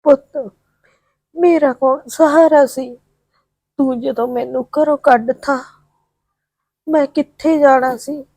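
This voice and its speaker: A woman's voice: high voice, steady tone, slow pace, long pauses, dark tone, dry recording. A woman playing an older mother who speaks tenderly and sorrowfully to her son. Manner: pleading, tearful, soothing. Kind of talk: village drama acting.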